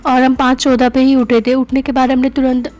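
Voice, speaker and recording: Narrating her family vlog in voice-over, this young woman chats away, using lots of fillers like "na" and "matlab." She has a high-pitched, slightly mellow voice, level in tone and a little fast.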